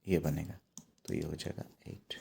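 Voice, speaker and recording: Guy teaching math real slow, low mellow voice, keeps asking "got it?", keys clicking behind. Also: little pitch movement, gravelly, slightly rough. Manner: slow, repeats steps and checks in with "है ना". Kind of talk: whiteboard math lesson.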